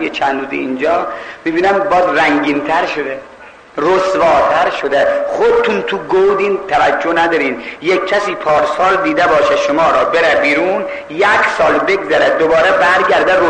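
A man's voice: fairly high pitch, background noise. A man with a Mashhad accent preaching a sermon, telling a story and scolding his listeners emphatically. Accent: Mashhad Persian. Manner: emphatic, scolding, acts out voices. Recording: echoey hall with long reverb, faint ambience.

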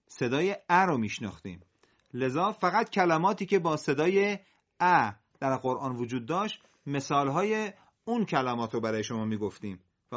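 Patient male recitation teacher, lively voice, slow careful drilling, muffled lo-fi recording. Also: medium pitch. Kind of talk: classroom lesson with call and response.

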